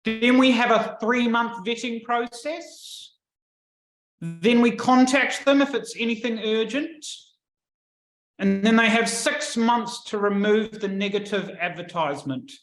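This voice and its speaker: Man putting on a bored office woman, higher voice, slow flat drone, roomy echo. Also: close to an everyday voice. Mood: droning. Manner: flat, droning, slow delivery. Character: bored monotone female office worker.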